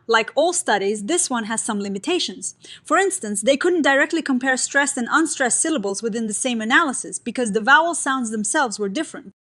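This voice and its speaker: A woman with a somewhat high voice narrates a science explainer from a script. She lays out research findings in a clear, upbeat way and uses everyday comparisons to make ideas easy to follow. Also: fairly bright tone.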